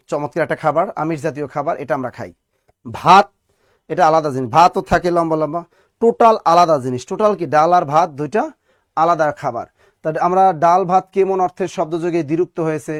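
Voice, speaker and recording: A man's voice: a little high, fairly quick, dry recording, clean studio sound. A man with a Bangladeshi Bengali accent teaching a live online exam-prep class, firing repeated questions at students and answering them himself, with scolding, preachy asides.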